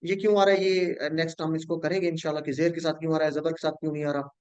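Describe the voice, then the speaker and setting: A man's voice: a little high, level tone, very fast, a little mellow, clean tone, dry recording, dull audio. A man teaching an online class, patiently drilling word patterns with his students.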